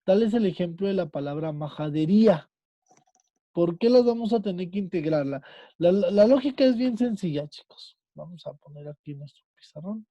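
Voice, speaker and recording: Teacher guy, online class, super dark mellow voice, slows down to explain, dry sound. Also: sits high, animated, dry recording, muffled recording. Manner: patient, explains slowly with stretched words.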